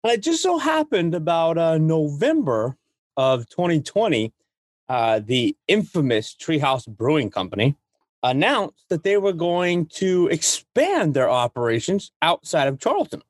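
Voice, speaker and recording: A man's voice: fairly high pitch, sing-song, unhurried, no room sound. A man co-hosting a podcast in casual conversation, enthusiastic, with playful asides to the listeners. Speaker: podcast co-host.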